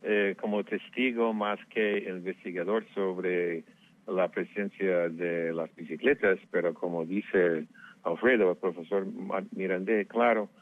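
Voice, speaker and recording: A man speaking as a guest professor in a radio interview, measured and thoughtful, heard over a phone line. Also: deep voice, steady tone.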